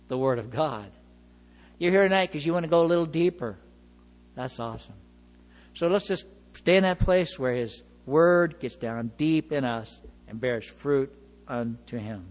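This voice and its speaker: A man's sermon, his voice sitting a little high for a man as he reads scripture and presses each point with expressive emphasis. The sound carries a long reverb, as if from a church sanctuary. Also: moderate pace. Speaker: pastor.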